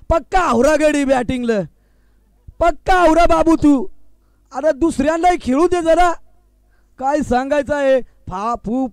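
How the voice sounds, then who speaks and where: A man's voice: very high-pitched, dry recording. A man doing live commentary at a local cricket match, teasing the players in playful banter. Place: outdoor local cricket ground.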